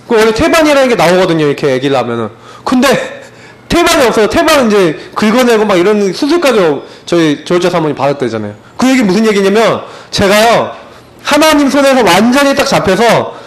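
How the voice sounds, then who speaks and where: Animated Korean man preaching a sermon. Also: high-pitched. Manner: animated storytelling with rhetorical questions. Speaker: pastor. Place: church sanctuary.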